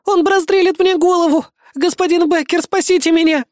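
A reader voicing a frightened young woman who pleads in a high, tearful voice in an audiobook. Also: lively intonation, slow, breathy edge, no room sound, clean studio sound, exaggerated voice. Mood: terrified, pleading.

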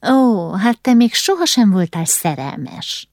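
A woman's voice: medium pitch, sing-song, darkish tone, dry recording, clean studio sound, voice pushed up. A woman voicing an eager, scheming young noble girl who talks persuasively, in an audiobook reading.

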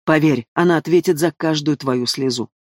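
A vengeful stepmother hissing threats, as a male narrator puts her on. Her voice sits lower than his own narrating voice and the sound is dry and close. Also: normal speed, no room sound, natural voice. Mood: menacing. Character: hissing vengeful stepmother, middle-aged woman.

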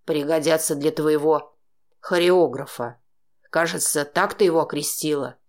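A woman reading an audiobook, voicing a jealous, drunk young man who mocks and threatens in a low voice. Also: steady tone, measured pace. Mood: menacing sneering. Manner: mocking, threatening, low and sneering.

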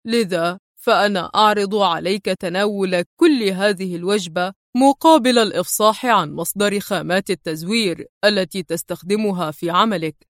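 A woman's voice: mid-range voice, moderate pace, dry recording, studio quality, lightly acted. Cold young interrogator, as a woman reads him. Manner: curt and cold. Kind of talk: audiobook character reading.

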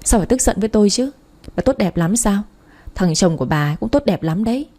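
Storybook figure: bitter, hysterical young woman, voiced by a woman reader, breathy tone. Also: medium pitch, animated, fairly quick, dark tone, natural voice. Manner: screaming accusations, bitter.

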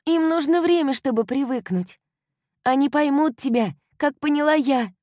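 A woman reading an audiobook, voicing an excitable young woman who talks loudly and breathlessly as a best friend. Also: moderate pace, no room sound, studio quality, close to an everyday voice. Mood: excited. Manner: high, loud, breathless exclaiming. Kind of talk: audiobook character voice.

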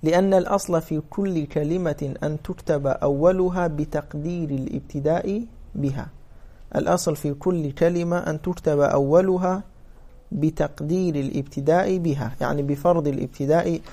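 A man's voice: on the high side, fairly even intonation, normal speed, mellow. A man teaching Arabic morphology in a classroom lecture, explaining step by step and checking whether the students understand.

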